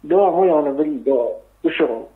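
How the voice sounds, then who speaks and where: Man, muffled phone line, loud, quick, halting. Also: on the high side, lively intonation. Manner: loud, halting, repeating himself. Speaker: caller. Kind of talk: phone-in question to a religious program. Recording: tinny phone line, far from mic.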